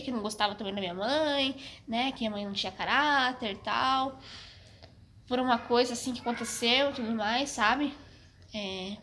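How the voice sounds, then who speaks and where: Young woman, Brazilian Portuguese accent, slightly high voice, halting casual vlog talk, a little coughy. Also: fairly bright tone. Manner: hesitant, repeats and restarts often, frank. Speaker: vlogger. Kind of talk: casual personal storytelling to camera.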